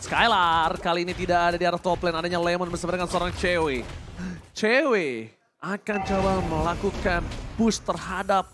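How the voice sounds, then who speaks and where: An Indonesian man working as an esports caster, calling the play-by-play with excitement and dramatic, repeated exclamations. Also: high-pitched, moderate pace, over music.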